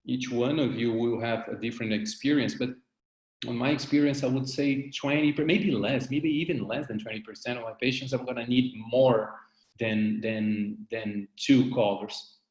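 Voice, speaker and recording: A man's voice: medium pitch, darkish tone. Man lecturing in an echoey room. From Brazil. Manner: halting, repeats words, loose non-native grammar. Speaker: dentist presenting cases. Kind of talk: online lecture.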